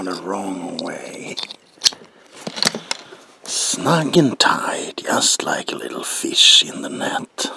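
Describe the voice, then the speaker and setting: A man playing a manic, sinister comic-book villain as examiner in a whispered ASMR roleplay, with a gravelly, breathy voice and theatrical, unhinged delivery. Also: low-pitched, exaggerated voice. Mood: muttering, sinister. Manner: theatrical, drawn-out words with unhinged swings.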